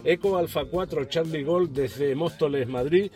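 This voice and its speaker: A man's voice: fairly high pitch, a little slow, a little mellow, faint music behind. A man working as an amateur radio operator, courteously repeating phonetic call signs and signal reports in set phrases.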